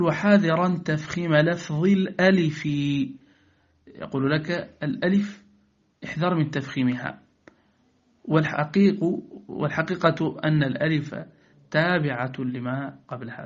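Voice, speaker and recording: A man teaching recitation rules, patiently explaining and slowly drawing out example words to contrast correct and wrong pronunciation. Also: medium pitch. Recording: dull lo-fi recording.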